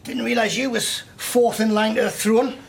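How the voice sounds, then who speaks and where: A blunt, needling old socialist. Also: male voice, very high-pitched, fairly even intonation, moderate pace, vocal fry, slight background noise. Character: gruff old-school socialist man, confrontational. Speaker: old left-wing comrade. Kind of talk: sitcom acting.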